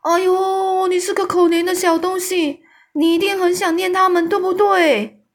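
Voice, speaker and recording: A woman voicing a big friendly male giant who is soft-hearted and quick to tears, full of exclamations and sighs. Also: extremely high pitch, steady tone, pitched above the performer's own voice. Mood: pitying. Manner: exclaiming, sighing, tearful.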